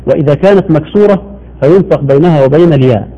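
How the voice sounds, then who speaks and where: A man's voice: fairly high pitch, rapid-fire, lo-fi sound. A man teaching the rules of Quran recitation in a televised lesson, explaining patiently, repeating points and giving short assents.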